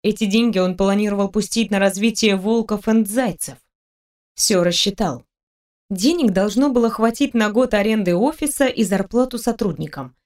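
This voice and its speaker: Woman audiobook narrator, mid-pitched voice, even storytelling tone. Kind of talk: scripted narration.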